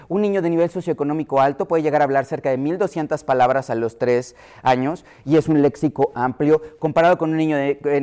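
A man's voice: fairly high pitch, warm tone, clean tone. A middle-aged man with a Mexico City Spanish accent giving an explanatory lecture to pediatricians, often acting out voices he quotes.

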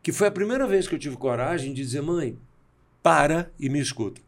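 A man's voice: a little high, animated, a little fast. A man in his sixties from Brazil, a podcast guest telling personal stories and acting out the dialogue he quotes. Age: 60s. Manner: reflective, acts out quoted dialogue. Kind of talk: storytelling in a conversation.

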